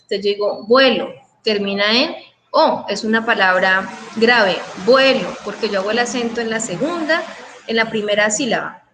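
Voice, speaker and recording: Patient Colombian woman teacher, high voice. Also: moderate pace, a bit bright, a little hiss or hum, rough recording. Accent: Colombian Spanish. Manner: patient, checks understanding with frequent questions. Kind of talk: online class explanation.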